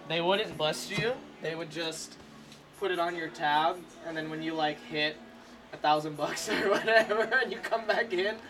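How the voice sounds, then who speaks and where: A man hosting a casual live cooking stream, loose and excitable, swearing freely and reading viewer comments aloud. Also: on the high side.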